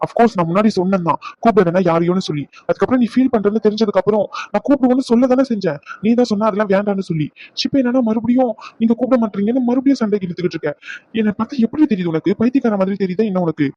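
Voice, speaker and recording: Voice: medium pitch, racing, dark tone, no echo, muffled recording, lightly acted. A performer voicing a stressed, irritable young husband in a dubbed cartoon, arguing in an exasperated way.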